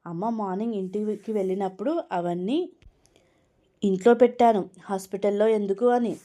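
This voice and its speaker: A flustered young man who rushes out his excuses, read aloud by a woman. The voice stays mellow, and it is the voice of a storybook reading. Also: mid-range voice, fairly even intonation, natural voice. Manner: hurried and evasive.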